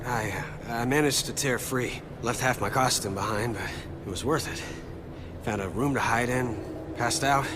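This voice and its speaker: A man's voice: medium pitch, moderate pace, noisy background, natural voice. A man voicing a wisecracking, flippant young superhero in a video game, joking and rambling sarcastically. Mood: weary. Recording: loud music behind the voice.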